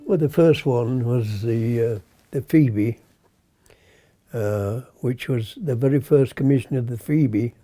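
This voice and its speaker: A hundred-year-old British man, a navy veteran, remembering his service in a halting, unscripted way, searching for words and trailing off. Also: medium pitch, mellow, soft background music. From Britain. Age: 100.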